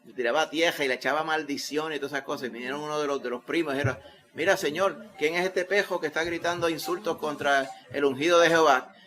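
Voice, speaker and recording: A male pastor with a Puerto Rican accent preaching a Sunday sermon, rising to loud emphasis when quoting scripture. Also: fairly high pitch, fairly even intonation, fast. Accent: Puerto Rican Spanish.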